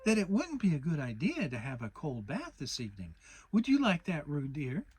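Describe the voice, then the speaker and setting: A woman voicing a motherly female kangaroo, brisk, soothing and firm, in a children's storybook reading. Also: low voice, huge pitch swings, darkish tone, slightly rough, exaggerated voice. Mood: thoughtful. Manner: thoughtful, soothing, mildly severe nannying.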